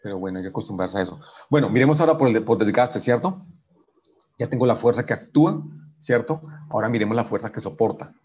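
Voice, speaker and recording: A man's voice: on the low side, expressive, fast talker, a little mellow, husky, muffled recording. A man teaching an engineering class online, working through equations step by step and checking in with "right?" after each step, often restarting his sentences. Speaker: engineering professor.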